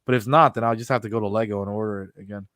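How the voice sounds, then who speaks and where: A young man hosting a casual chat over a video call, excitable and chatty, drifting off mid-sentence as he hunts for things. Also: fairly low pitch, very fast, no echo, studio quality. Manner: excitable, chatty, trails off while rummaging.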